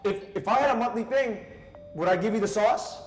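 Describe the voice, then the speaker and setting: A man mentoring trading students in casual talk, animated, asking the group questions. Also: high voice, fairly quick, echoey room, slight background noise. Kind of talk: casual teaching chat.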